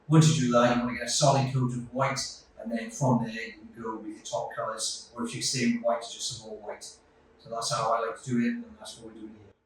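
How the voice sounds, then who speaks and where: Holding a phone as he works, a builder and carpenter narrates his renovation in a casual DIY vlog, explaining the steps practically as he goes. His mid-range voice is flat in delivery and fairly quick. The indoor bungalow room under renovation is bare and echoey, with faint noise.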